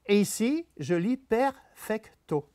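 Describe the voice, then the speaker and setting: Speaking before an audience at a venue, a man presents a talk on typography, explaining step by step and checking in with his listeners. His voice is on the high side and a little mellow, animated yet unhurried.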